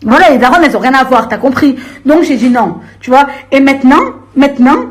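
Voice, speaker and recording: Heated young woman ranting on a live stream. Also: a little fast. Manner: confrontational, slangy, swings from low grumbling to shrill outbursts.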